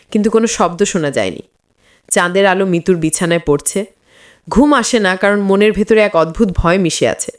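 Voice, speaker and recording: A woman narrating a story in the third person, measured and hushed, with a note of suspense. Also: mid-range voice.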